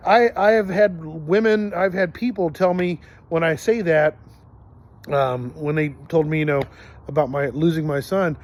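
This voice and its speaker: A middle-aged man hosting a podcast, telling personal stories in an earnest, rambling way with many fillers and restarts. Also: fairly high pitch. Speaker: podcast host. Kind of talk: casual storytelling monologue.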